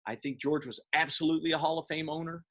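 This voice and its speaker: A man, talking as an interview guest and reminiscing in a halting way, with many fillers and restarts. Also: fairly high pitch, fairly even intonation, a bit bright. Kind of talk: casual interview.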